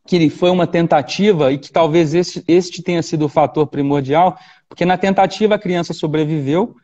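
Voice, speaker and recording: A Brazilian man tells a courtroom story in a high voice with a mellow tone, stumbling into repeated words and fresh starts. The sound is dull and lo-fi. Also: normal speed. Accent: Brazilian Portuguese. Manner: animated storyteller, frequent repetitions and restarts. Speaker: defense lawyer, guest. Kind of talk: storytelling interview.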